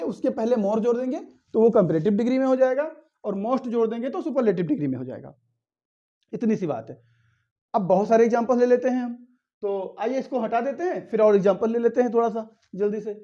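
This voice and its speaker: A man's voice: very high-pitched, warm tone, lo-fi sound. A man giving a step-by-step English grammar lesson, asking questions and then answering them himself. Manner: explains step by step, asks and answers his own questions.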